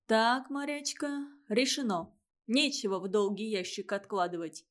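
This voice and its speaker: A woman's voice: on the high side, fairly even intonation, a little slow, fairly bright tone. A woman doing a firm old colonel. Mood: resolute. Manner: firm decisive. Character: stern kind older male army colonel.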